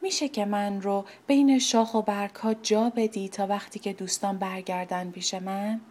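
A woman voicing a small injured bird that pleads slowly and gently for shelter in a children's story. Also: medium pitch, fairly even intonation, natural voice. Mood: pleading. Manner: slow, pleading. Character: timid little hurt bird, pleading softly.

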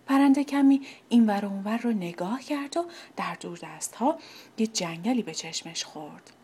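A woman narrating a children's story in a gentle, half-whispered voice and speaking directly to the children. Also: mid-range voice, slightly rough.

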